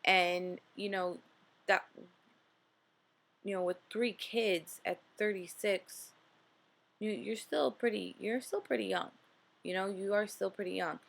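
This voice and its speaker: The New Jersey vlog host, a woman in her late twenties, speaks slowly at a medium pitch, with vocal fry and long pauses. She addresses the camera earnestly in a casual motivational style, leaning on fillers and "okay?" check-ins.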